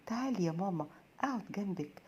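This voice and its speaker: An eager, playful five-year-old boy from a bedtime storybook, put on by a woman storyteller. He talks in a childlike rush of enthusiasm, pitched above the teller's own deep voice. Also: animated, fast, a little hiss or hum, natural voice.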